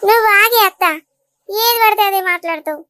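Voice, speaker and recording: A woman voicing a shy young village bride in a cartoon, replying bashfully and slowly. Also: extremely high pitch, pushed and bright, dry recording, studio quality.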